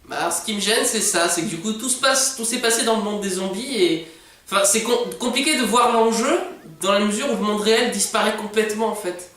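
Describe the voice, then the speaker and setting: A man's voice: high-pitched, fairly quick, pushed and bright. A man giving casual, mocking film commentary, exasperated and sarcastic, with outbursts and swearing. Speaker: host reacting to an animated film. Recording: echoey room, distant microphone.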